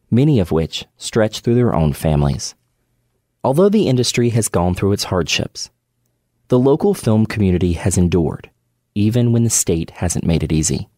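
A man hosting a podcast, reading a measured scripted narration and then asking a guest friendly questions. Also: low-pitched, a little mellow, no echo, clean studio sound. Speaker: podcast host.

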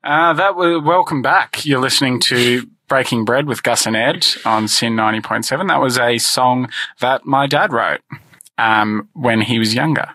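A man with an Australian accent co-hosting a comedy radio show, playful and quick to laugh. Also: mid-range voice, bright, forceful tone, no echo. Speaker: radio co-host. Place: radio studio.

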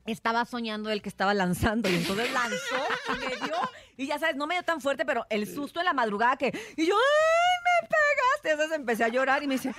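A woman's voice: high voice, sing-song, fast, heavy background noise. A Mexican woman in her thirties hosting a morning radio show, joking and telling stories with laughter. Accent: Mexican Spanish. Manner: playful, laughing storyteller. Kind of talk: lively morning radio banter.

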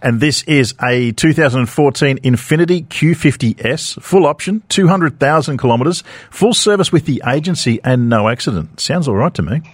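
A man's voice: medium pitch, expressive, moderate pace, few pauses, husky, dry recording. Upbeat male radio host, dry sound. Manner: upbeat, laughs easily. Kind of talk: casual radio hosting.

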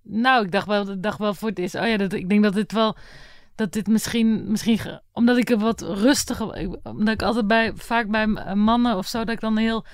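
Thirties female guest, halting and unsure, smooth clear tone. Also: mid-range voice, dry recording, studio quality. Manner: hesitant, halting, many restarts. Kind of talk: casual interview.

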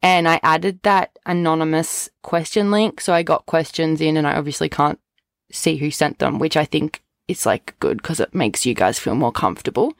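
A young adult woman with a low-pitched voice talks at normal speed on her solo podcast, chatty and informal, leaning on "like" and "literally." The sound is close and dry, typical of a cheap USB microphone.

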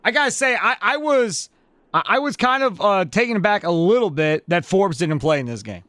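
A man's voice: high-pitched, expressive, moderate pace, a bit bright. A man hosting a live postgame sports call-in radio show, chatty and emphatic, repeating phrases.

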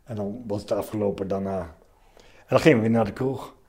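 A man, recalling his past in a casual interview, halting and anecdotal in short fragments. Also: on the low side, steady tone, a little mellow, husky. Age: 70s. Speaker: interviewee, retired commando veteran.

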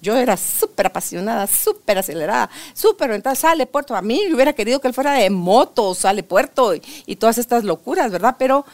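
An older woman in a casual interview, sharing relationship advice with her granddaughter in an emphatic, animated storytelling manner. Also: fairly high pitch, fast, hardly any pauses.

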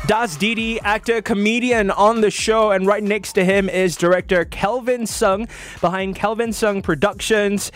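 Singaporean male host, slightly high-pitched. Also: steady tone, normal speed, few pauses, a bit bright, soft background music. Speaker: show host. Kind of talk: casual interview hosting with banter.

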